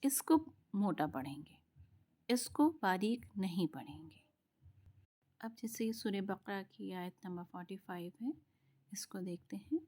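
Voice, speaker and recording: Slow, patient woman teaching recitation. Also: medium pitch, mellow. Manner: slow, patient explaining, drawing out letter sounds in practice drills. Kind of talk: tajweed lesson.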